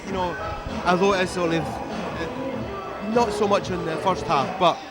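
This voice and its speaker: A man's voice: high-pitched, unhurried, over loud music, over a noisy crowd. A man giving live American football commentary as a co-commentator. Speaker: sports co-commentator.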